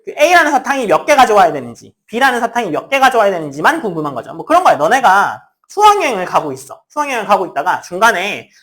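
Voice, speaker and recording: A woman's voice: medium pitch, fast talker, hardly any pauses. A woman math teacher lecturing a class, her voice rising and falling a lot. She explains with everyday examples and slips into casual talk to her students. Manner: lively, talks to students in casual speech, acts out student lines.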